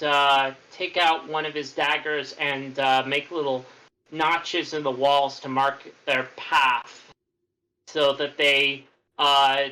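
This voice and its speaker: A man's voice: a little high, pushed and bright, rough recording. A man playing a tabletop game, hesitant and thoughtful, with wry understatement. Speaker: player. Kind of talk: casual tabletop play.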